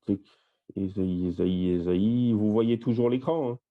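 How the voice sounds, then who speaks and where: A man with a lowish voice teaches an online Bible study, walking through word meanings slowly, point by point. His speech is full of little fillers as he works through the list. The audio is dull and lo-fi, like a voice call. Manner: lists word meanings in a slow, step-by-step way with fillers. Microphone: voice-call microphone.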